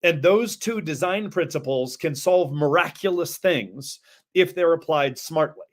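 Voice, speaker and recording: A man's voice: fairly high pitch, unhurried. A man, a documentary filmmaker, giving earnest, lengthy interview answers with many fillers over a video call.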